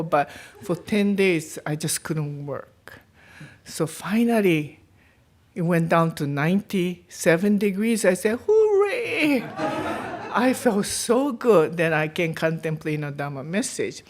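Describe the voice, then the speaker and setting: A middle-aged woman from Japan with a Japanese accent, a guest minister giving a chatty, self-deprecating Dharma message in a temple. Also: lowish voice.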